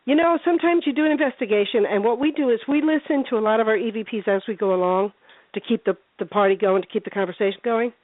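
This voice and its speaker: A woman from New Jersey talks as a guest in an emphatic, chatty storytelling way, often repeating herself. Her voice sits a bit high. It comes over a dry, narrow phone connection. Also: fast talker, no echo. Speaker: guest paranormal investigator. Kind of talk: casual storytelling chat. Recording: dry, tinny phone line.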